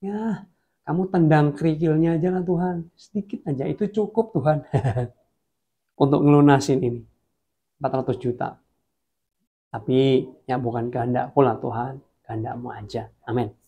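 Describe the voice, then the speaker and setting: A man's voice: medium pitch, normal speed, long pauses, slightly rough. A preacher acting out a worried father who prays casually and half-jokingly for money. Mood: wheedling. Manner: soft, informal, bargaining prayer. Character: worried middle-aged father praying for money.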